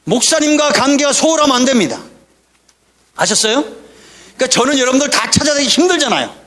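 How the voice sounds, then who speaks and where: A middle-aged man preaches a Sunday sermon. His voice sits high for a man, and he keeps things lively with joking asides to the congregation. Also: quick pace. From Korea. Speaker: pastor.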